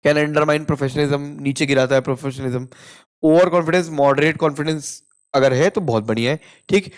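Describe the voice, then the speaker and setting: Chatty young Indian tutor, slightly high. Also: male voice. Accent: Indian English. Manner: explains with frequent "theek hai" check-ins, reads model answers slowly. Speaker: interview prep tutor. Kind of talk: casual Hindi-English tutorial.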